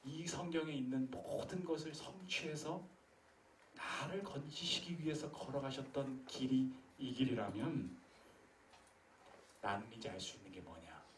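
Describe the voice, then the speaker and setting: A man preaching a sermon, swinging from loud urgent questions to hushed, intimate tones. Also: medium pitch, a little slow, reverberant, distant mic, slight background noise. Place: church sanctuary.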